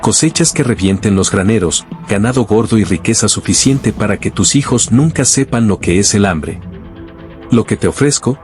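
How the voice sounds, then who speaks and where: A man voicing a suave, sinister devil horseman in an epic tale, softly persuasive. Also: on the low side, lively intonation, normal speed, faint music behind, lightly acted. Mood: smooth, tempting. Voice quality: soft, velvety. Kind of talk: epic dramatic storytelling.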